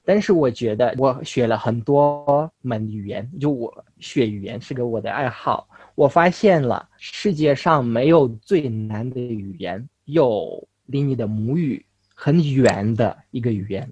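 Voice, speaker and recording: A young man from Russia, a native Russian speaker, talks casually as an interview guest in foreign-accented Mandarin, halting and correcting himself. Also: medium pitch, expressive, darkish tone, husky, no echo, muffled recording. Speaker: interview guest, language learner.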